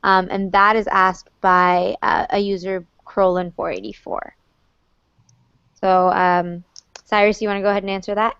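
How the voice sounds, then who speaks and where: Smooth-voiced young woman moderating questions. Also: medium pitch, level tone, normal speed, fairly bright tone, no echo. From North Carolina, USA. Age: young adult. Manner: friendly, organized, reads out questions. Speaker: student moderator of a Q&A. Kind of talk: online Q&A session. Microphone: video call. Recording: slightly muffled video call audio.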